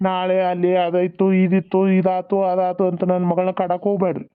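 A man voicing the village men, a son-in-law and a father, in a homemade cartoon, speaking rapid, earnest North Karnataka Kannada. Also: sits high, completely flat delivery, clean tone, lightly acted. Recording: tinny phone-like recording.

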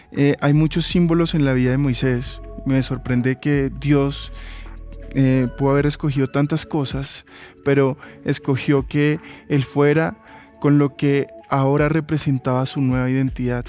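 A man's voice: fairly high pitch, steady tone, a little mellow. Reflective Colombian man preaching over music. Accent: Colombian Spanish. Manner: measured, reflective, with hesitations. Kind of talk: sermon. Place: church stage.

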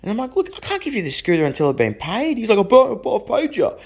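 A man's voice: high voice, huge pitch swings, rapid-fire, breathy edge, pitched above the performer's own voice, exaggerated voice. A man putting on the voice of a young male buyer who begs and stammers. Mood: insistent. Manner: begging, stammering repetitions.

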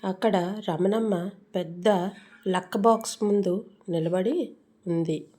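A woman narrating a suspense story in a steady, suspenseful way. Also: medium pitch, takes it slowly.

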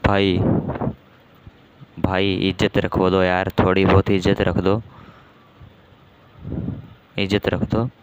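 Excitable man commentating a shooter game. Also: low voice, slow pace, long pauses, background noise. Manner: excitable, self-mocking banter with repeated exclamations. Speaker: gaming channel host. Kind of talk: casual live game commentary.

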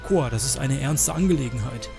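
Man voicing old woman elder, stern, lecturing, gravelly, middle pitch. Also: animated, brisk, dark tone, soft background music. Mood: warning. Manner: lecturing, firm.

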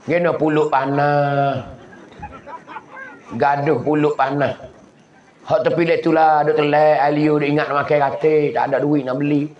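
Slight background noise sits under this echoey lo-fi clip of a man preaching Islam in southern Thailand, his accent Patani Malay. His lecture is homespun and religious, with animal impressions woven into the stories. His pitch is on the high side, his delivery flat and measured, with long pauses.

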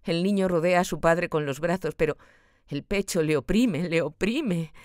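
A woman narrating a literary audiobook in a slow, measured, dramatic and expressive way. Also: on the low side, no room sound, clean studio sound.

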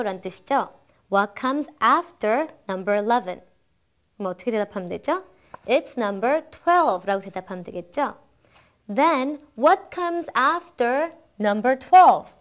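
Slow, careful woman teacher, higher voice. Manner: slow, careful English model sentences between quick explanations; encouraging, asks and answers her own questions. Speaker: English math teacher. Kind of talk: bilingual language lesson.

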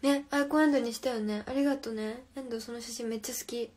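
A woman's voice: a little high, fairly even intonation, quick pace, a little mellow. A young woman hosting a casual phone livestream, reading viewer comments aloud and answering playfully, often dropping to a whisper. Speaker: livestream host.

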